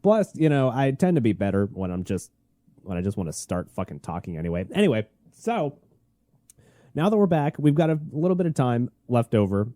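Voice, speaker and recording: A man's voice: medium pitch, very animated, fairly quick, warm tone, dry recording. Blunt, foul-mouthed male shock jock, dry sound. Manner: blunt, crude, heavy swearing. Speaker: podcast host. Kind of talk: shock jock radio host monologue, profane ranting.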